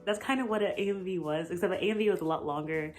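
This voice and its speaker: Over soft background music, a young American woman vlogs in a fairly low-pitched voice at a very fast clip. Her casual chat is rambling and gushing, heavy on fillers and giggles.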